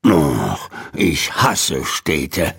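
A man's voice: on the low side, huge pitch swings, a little slow, slightly rough, exaggerated voice. A man voicing a grumpy older man in an audiobook, muttering and grumbling. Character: grumpy older man, city-hating zoo owner. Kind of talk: audiobook character voice.

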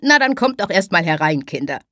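A woman's voice: fairly low pitch, very animated, brisk, fairly bright tone, no room sound, clean studio sound. A woman voicing an affectionate, mildly chiding grandmother. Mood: fond. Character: warm, fussing grandmother, older.

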